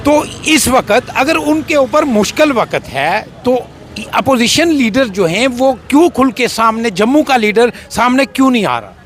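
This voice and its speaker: A man hosting a news interview, speaking in a measured way with some hesitant fillers. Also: extremely high pitch, animated. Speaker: interviewer host. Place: outdoors by a road.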